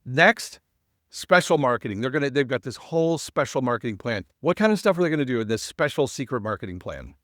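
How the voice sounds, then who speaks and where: Animated man hosting a property podcast. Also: a little fast, no echo, studio quality. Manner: animated, emphatic, swings in pitch and loudness. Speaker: real estate podcast host. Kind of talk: casual podcast chat.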